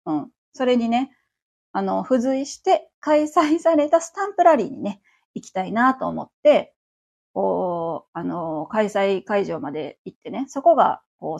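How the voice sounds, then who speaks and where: Kansai lady around 40 rambling solo on her live radio show, lots of fillers, bit gravelly and husky. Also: mid-range voice, lively intonation, measured pace, a little mellow. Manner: chatty, rambling, many fillers. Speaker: livestream radio host. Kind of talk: casual solo chat.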